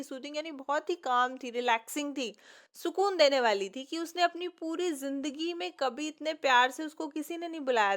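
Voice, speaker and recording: A woman teacher explaining an English story line by line, reading each line slowly and then explaining it in Hindi. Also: sits high.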